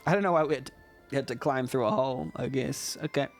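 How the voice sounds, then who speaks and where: A man's voice: medium pitch, fast talker, faint music behind. A man casually commenting as he plays and judges a game on a live stream, sleepy and wry. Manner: wry, chatty asides. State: sleepy, yawning. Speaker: streamer judging a game jam.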